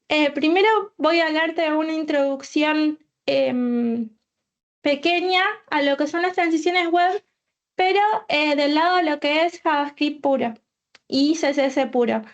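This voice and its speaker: A woman's voice: sits high, normal speed, lo-fi sound. A woman from Argentina with an Argentine Spanish accent, a full stack developer giving a tech talk, hesitant and full of filler sounds.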